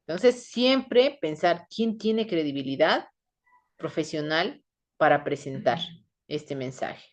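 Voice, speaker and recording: A woman's voice: on the low side, a little mellow. A woman teaching a class in a conversational way, often checking in with her listeners. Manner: conversational, frequent tag questions, acts out quoted voices. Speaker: instructor. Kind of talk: online class lecture.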